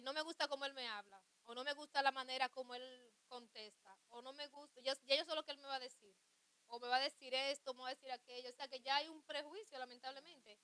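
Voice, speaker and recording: Woman radio co-host, clear resonant voice, high and bright, chatty about faith. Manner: chatty, reflective, laughs often.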